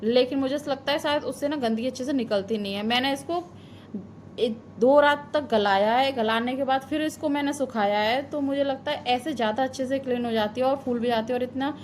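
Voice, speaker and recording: A chatty woman in her thirties narrates her family vlog in a high, bright voice. She sounds homely and gives friendly advice, and her talk turns to heartfelt reflection. A faint hum of home noise sits under her. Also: brisk. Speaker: family vlogger, mother. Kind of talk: casual vlog voice-over.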